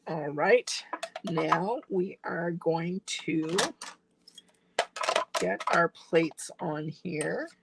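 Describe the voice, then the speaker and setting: At her craft table, an independent stamping demonstrator with a failing voice talks viewers through a craft step by step, chatting as her hands work. Her lowish, gravelly voice is extremely slow, with long pauses, and the recording is very noisy.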